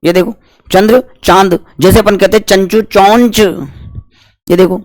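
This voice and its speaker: Male grammar teacher, slightly high voice, dry close recording; self-answering exam-prep drill style. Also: fairly even intonation, a little slow, no room sound. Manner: asks questions and answers them himself; stretches out syllables to demonstrate pronunciation.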